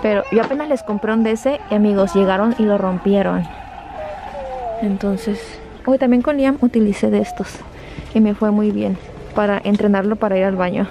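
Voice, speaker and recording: A young woman shops in a big store and keeps up a casual vlog chat with her viewers and her kids, filming on a handheld camera. She talks at a moderate pace with a medium pitch and steady tone. The store is noisy behind her.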